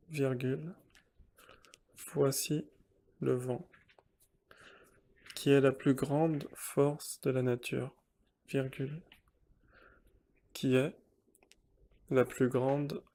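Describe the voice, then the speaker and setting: A man dictating a text as a teacher, in deliberate short repeated phrases with the punctuation spoken aloud. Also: medium pitch, creaky, dark tone.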